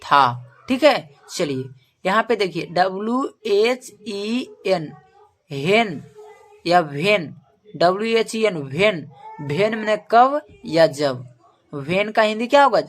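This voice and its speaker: A woman's voice: mid-range voice, animated, takes it slowly. A woman teaching English reading as a spoken lesson to camera. She spells each word out letter by letter and asks and answers her own questions. She closes almost every point with an "okay.".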